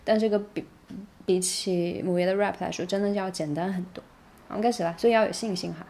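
A woman whose first language is Mandarin Chinese, teaching English song pronunciation in a casual tutorial and demonstrating lyrics slowly word by word. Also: lowish voice, fairly even intonation, dark tone.

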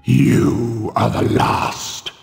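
In deep cavernous reverb, a bloated undead vampire fiend whispers darkly from the shadows. The game villain's voice is slow and thick with gravel, mocking and menacing. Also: male voice, flat delivery, exaggerated voice. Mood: bitter, menacing. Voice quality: gravelly, breathy rasp. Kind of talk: video game villain voice acting. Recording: long cavernous reverb over music.

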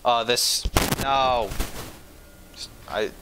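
A man's voice: medium pitch, extremely slow, noisy background. A man giving casual, offhand gameplay commentary with dry humour. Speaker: gaming video host. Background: game music.

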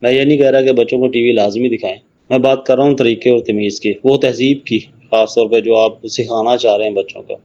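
Mellow-voiced man giving parenting talk. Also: mid-range voice, steady tone, few pauses. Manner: conversational, acts out scolding parents. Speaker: parenting speaker. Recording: dull lo-fi recording.

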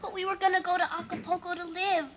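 Very high, bright heartbroken teenage girl. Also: little pitch movement, fast, a little hiss or hum. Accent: American. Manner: plaintive, earnest. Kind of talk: television sitcom acting before a studio audience.

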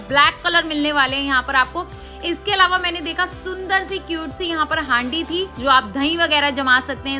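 A woman's voice: sits high, bright, forceful tone. Woman, eager salesy vlog talk, music faint behind. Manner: chatty, enthusiastic, salesy. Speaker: shopping vlogger. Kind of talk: casual shopping vlog voice-over.

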